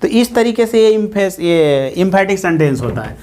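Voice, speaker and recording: A man teaching a grammar lesson, explaining slowly and repeating examples, often checking in with "theek hai". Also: high-pitched, very animated, darkish tone.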